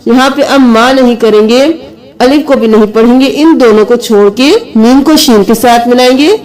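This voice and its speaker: A woman's voice: on the high side, darkish tone. A woman teaching Quran recitation, patiently spelling out letters and vowel marks one by one. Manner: slow, patient letter-by-letter explanation, with sung recitation between. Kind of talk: tajweed lesson, spelling out letters.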